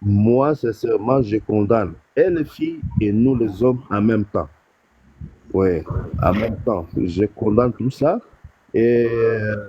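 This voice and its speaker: A man, from North Kivu, calling into a live stream and giving advice in a halting way, full of restarts and fillers. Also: lowish voice, no room sound, highs cut off. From DR Congo, North Kivu. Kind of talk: casual call-in advice. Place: call from abroad.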